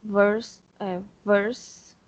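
Brazilian student girl, talks real slow and unsure, muffled call sound. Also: mid-range voice, fairly even intonation. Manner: careful, hesitant, reads word lists slowly. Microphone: video call. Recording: dull, lo-fi video call audio.

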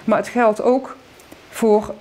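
Older Dutch woman, mellow voice. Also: a little high, fairly even intonation, slow. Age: 60s. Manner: thoughtful, searching for words, emphatic. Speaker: interviewee, retired professor. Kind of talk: oral history interview.

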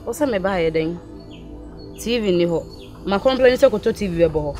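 A woman's voice: mid-range voice, animated, a little fast, darkish tone, faint music behind, lightly acted. A woman with a Ghanaian accent playing a fed-up young girlfriend who complains and defends herself in a comedy skit. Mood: indignant. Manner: indignant, complaining.

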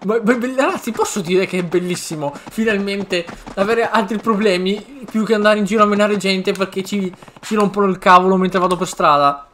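Animated gamer, bright high voice. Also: male voice, brisk, hardly any pauses, a little hiss or hum. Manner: animated, exclaiming and joking. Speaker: gaming video creator. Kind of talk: let's play commentary.

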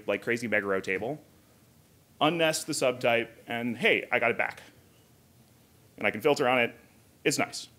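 The speaker is a software engineer in his thirties presenting at a conference, and his mid-range voice has a bit of brightness. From the podium of an indoor hotel conference room, he keeps the technical talk informal, explaining in a chatty way and slipping in asides.

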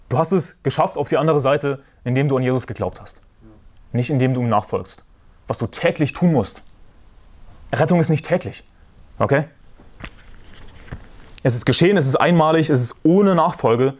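A man preaching a sermon in a forceful, combative way, repeating his points and references. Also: medium pitch.

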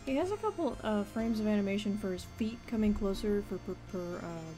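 A woman plays through a video game and comments casually as they go. They toss out dry, irreverent asides over music at a middling pitch. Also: expressive, brisk, mellow. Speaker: let's play host.

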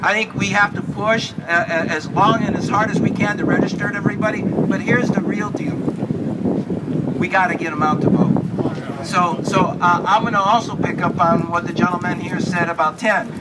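An earnest man with a high voice rallies a crowd outdoors, repeating himself as he builds up. The phone that catches him sits at a distance, and loud street and traffic noise runs under everything. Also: steady tone, moderate pace. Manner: earnest, repetitive restarts, rousing. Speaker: state commissioner and magazine publisher. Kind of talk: speech at an outdoor rally. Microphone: handheld mic, filmed by a phone from far off.

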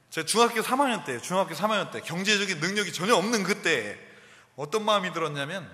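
A middle-aged man preaches with a lively, bright voice that rises and falls widely. He acts out the quoted lines as he goes. His voice rings in the long reverb of a church sanctuary. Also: a little high. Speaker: pastor. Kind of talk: sermon.

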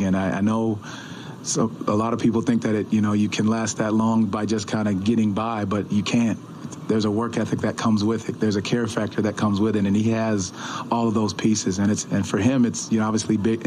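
Low, flat-voiced coach at a press conference. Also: male voice, a little hiss or hum, rough recording. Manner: measured, repeats words and restarts often. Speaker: head coach. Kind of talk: postgame press conference answers. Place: press room in an arena. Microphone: table mic on a stand.

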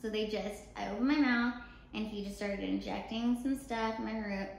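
The voice is medium-pitched and creaky, moving at a moderate pace: a young American woman co-hosting a show, animatedly retelling something that happened to her, with quoted dialogue and frequent "like". A camera mic a few feet away catches it in an echoey apartment living room with faint background noise.

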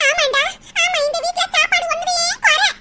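A woman's voice: extremely high pitch, fairly even intonation, normal speed. A woman voicing a self-pitying old village mother-in-law in a cartoon, who complains in a wailing sing-song lament with a southern Tamil accent. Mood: complaining. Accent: southern Tamil (Tirunelveli). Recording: loud background noise.

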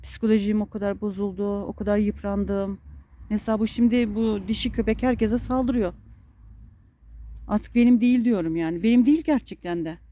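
A woman's voice: mid-range voice, dark tone. A woman vlogging in her garden, complaining wearily and cooing baby talk to her dogs. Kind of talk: casual vlog talk to camera and dogs. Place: outdoor garden.

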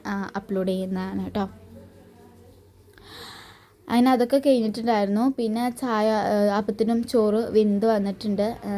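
A woman's voice: mid-range voice, dark tone. Chatty woman. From Kerala, India. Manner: chatty running commentary, tags many lines with a friendly "you know". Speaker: family vlogger and mother. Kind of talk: casual narrated cooking vlog. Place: home kitchen. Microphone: phone camera, filming herself alone.

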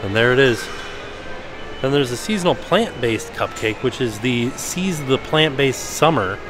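A man vlogging his way around a resort speaks expressively and without hurry, his medium-pitched voice set against background music. He films handheld, casually thinking aloud with curiosity, both inside the restaurant hall and outside on the grounds.

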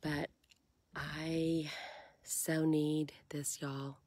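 An older woman speaks softly and musingly, often dropping to a breathy half-whisper. Her voice sits very low and stays flat, with a husky edge. She talks slowly, like a quiet devotional vlog recorded on a phone held at arm's length outdoors. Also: no room sound. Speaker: faith vlogger. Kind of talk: casual devotional vlog and prayer. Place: on a kayak on a lake outdoors.

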